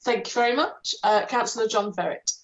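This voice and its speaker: A woman's voice: on the high side, brisk. A woman chairing a formal committee meeting over a video call, reading out the procedure with the odd hesitant um. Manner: reads procedure aloud with hesitant ums. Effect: heard over a video call. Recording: dull lo-fi video call audio.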